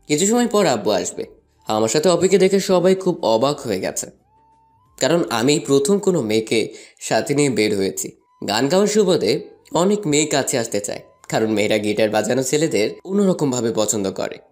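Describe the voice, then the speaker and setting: A man's voice: medium pitch, darkish tone, natural voice. A young man narrating a first-person love story and voicing a playful, teasing student in an audio drama. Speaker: narrator and lead voice actor.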